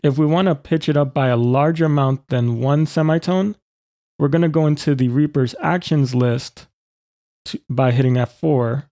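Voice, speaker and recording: Here a tutorial presenter casually explains some software, going step by step at normal speed. The man's voice is of middling pitch, mellow with a gravelly texture, recorded close and very dry, with no room sound.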